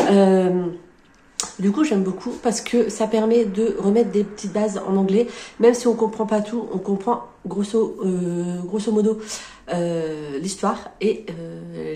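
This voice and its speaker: A woman talks casually about her current reads in a warm, mellow voice. She is chatty and unhurried, often stopping mid-sentence to find the right word. Her voice carries a noticeable echo from the room. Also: medium pitch. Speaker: book vlogger. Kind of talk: casual chat about books she is reading.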